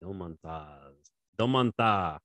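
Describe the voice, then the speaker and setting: A man with a lowish voice co-hosts a sports podcast in casual chat. He laughs a lot and breaks off his own sentences. The sound is dry and close to the mic. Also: animated, slow, a bit bright, dry recording. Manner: laughs often, rambling and self-interrupting. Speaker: podcast co-host.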